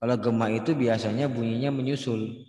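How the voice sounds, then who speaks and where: A man teaching a science lesson in a relaxed, chatty way. He sometimes shouts out sample sounds to demonstrate. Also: medium pitch, a little fast, husky, no room sound. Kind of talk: casual classroom explanation.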